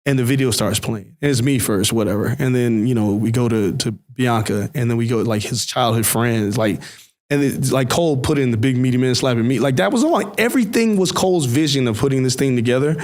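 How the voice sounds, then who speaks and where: Animated, swearing male podcast co-host. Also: mid-range voice, fairly quick. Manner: animated storytelling, swears freely. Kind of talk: casual chat.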